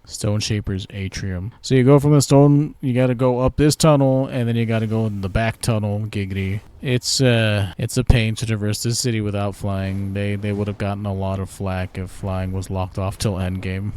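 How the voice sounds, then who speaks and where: A man giving casual commentary while playing a game, reading quest lines aloud in a livelier voice and dropping to quiet offhand remarks, close to his mic. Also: on the low side, fairly even intonation, normal speed, hardly any pauses, smooth. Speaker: gaming commentator. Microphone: close desk microphone.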